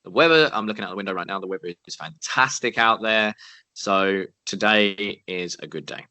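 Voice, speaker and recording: A man's voice: on the low side, moderate pace, sharp tone, no room sound. A young man, co-hosting a casual podcast in an upbeat, encouraging, chatty way. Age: 20s. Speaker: podcast co-host. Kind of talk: casual chat. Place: at home, indoors.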